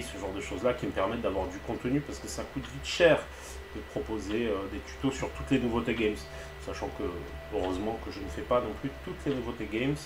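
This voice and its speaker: A relaxed man with a French accent talks casually while he paints live, often stopping on hesitant fillers. His voice sits at an ordinary middle pitch. The recording carries a roomy echo and a faint hiss behind him. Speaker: miniature painter hosting a live stream.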